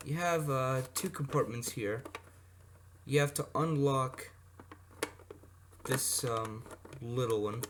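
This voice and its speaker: A man with a mid-range voice speaks slowly, pausing often, as he presents vintage electronics as a hobbyist. The off-the-cuff product demo is full of asides and self-corrections, and the amateur audio is noisy with clicks.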